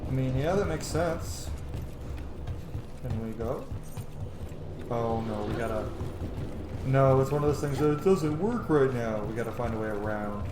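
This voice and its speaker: A man streams a video game with rambling, sweary, self-deprecating let's play commentary. His mid-range voice has lively intonation, a measured pace, and long pauses, recorded in an echoey room with clear background noise.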